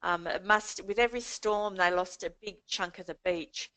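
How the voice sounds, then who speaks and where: A woman's voice: medium pitch, normal speed, bright, forceful tone, dry recording, low-quality recording. Chatty woman on a coaching call. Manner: chatty, restarts and fillers, laughs easily. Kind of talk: casual explanatory chat.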